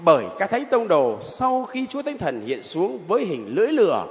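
Animated priest with a high, lively voice. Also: male voice, normal speed, big-room sound. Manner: animated storytelling, addressing the congregation directly. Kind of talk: sermon. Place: church.

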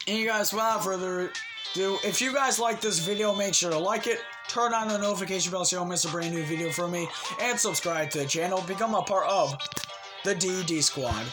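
A man hosting a gaming channel, giving eager gameplay commentary, pleading and cheering at the game, then closing with a channel pitch. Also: brisk. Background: loud game music.

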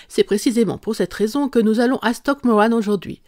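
A composed, dryly amused detective explains his reasoning at an even, unhurried pace, as an audiobook reader voices him. The voice sits in the middle range and sounds close and dry. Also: medium pitch, dry recording, voice pushed up, close to an everyday voice. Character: calm, ironic male detective. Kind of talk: audiobook character reading.

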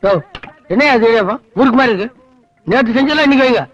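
A man's voice: very high voice, slight background noise. A man playing a cheeky, freeloading customer who complains about his food in a film comedy. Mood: complaining. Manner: cheeky, complaining, fast-talking. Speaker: freeloading customer at a tea stall. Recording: dull film soundtrack with music.

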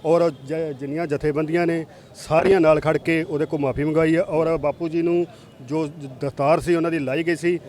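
A male manager giving an official statement to a reporter. He speaks in a measured, hesitant way, with a slightly raised pitch. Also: little pitch movement, darkish tone, a little hiss or hum. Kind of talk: official statement in a news interview.

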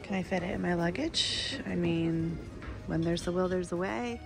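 A woman vlogger hosts a casual shop-along vlog at an outdoor flea market, chatting enthusiastically in her early-morning voice: lowish, normal speed and creaky. Now and then she drops to a whisper, and background music plays under her voice.

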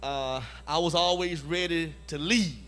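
Speaking at a measured pace, a man with a slightly high, somewhat bright voice leads evangelism at a church conference, preaching to a live audience in the hall. His style is emphatic and repetitive, with frequent calls of "Amen?" to those listening.

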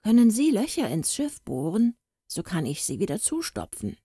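A woman voicing an old male boatswain, loyal and secretive, speaking in a hurried, lively way in a storybook reading. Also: medium pitch, breathy edge, no room sound, clean studio sound, pitched above the performer's own voice. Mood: urgent.

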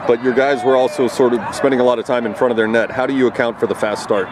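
A man, a reporter asking measured, detailed questions in a post-game interview outdoors. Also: medium pitch, steady tone. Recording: outdoor night, clear traffic noise.

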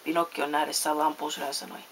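A woman's voice: little pitch movement, poor audio. Woman reading a children's storybook. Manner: reads voices with raised pitch and loudness. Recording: faint hiss.

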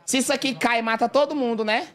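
A man's voice: very high-pitched, fairly even intonation, fast, a bit bright. A worried old grandmother on her first plane ride, voiced by a man telling the story. She frets in a plain-spoken Northeastern Brazilian way. It is his own everyday voice, only lightly put on. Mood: fretful.

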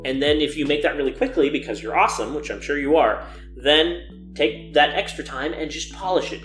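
A young adult man, a game jam organizer, gives a keynote that's really an informal advice lecture to camera, filmed in the living and dining room of his home. His medium-pitched voice is fairly bright, and he's earnest and emphatic, repeating intensifiers. The indoor space gives the recording a roomy echo.

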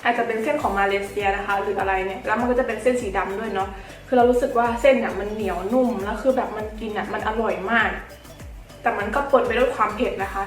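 A woman's voice: mid-range voice, steady tone, fast, faint music behind. A woman hosting a food vlog, chatting casually and often checking in with her viewers. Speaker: host of a food challenge vlog. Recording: roomy echo.

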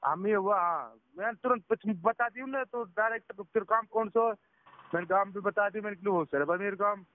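Speaking brisk and high, a man on the phone relates the incident of being scammed as a driver. He's casual yet agitated and keeps repeating himself, and the call audio is tinny.

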